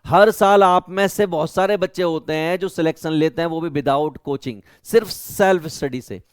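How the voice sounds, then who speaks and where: A man's voice: on the high side, moderate pace, clean tone, no room sound, studio quality. A young Indian man teaching students, giving study advice like a big brother and asking and answering his own questions. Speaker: online teacher for class 11 students. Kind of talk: motivational study-advice lesson.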